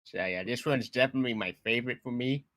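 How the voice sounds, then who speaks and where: A man's voice: medium pitch, fast talker, fairly bright tone, dry recording. A man chatting as a panelist on a casual livestream, loose and filler-heavy with "like".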